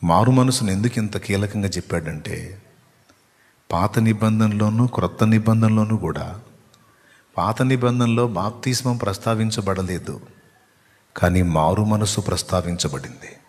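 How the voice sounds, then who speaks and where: A man's voice: on the low side, moderate pace, darkish tone. A man preaching a sermon with emphasis, firing questions at his congregation. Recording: long hall reverb.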